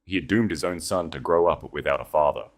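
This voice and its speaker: This is a historical romance audio story read by a man whose voice sits very deep and low. He keeps the narration steady and scripted, with a dramatic, measured pace meant for listeners.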